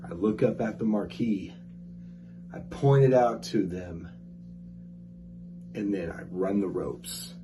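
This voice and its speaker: A man's voice: fairly low pitch, takes it slowly, long pauses, over music, poor audio. A man delivering a boastful wrestling promo, building it up step by step as a wrestler. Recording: clear background noise.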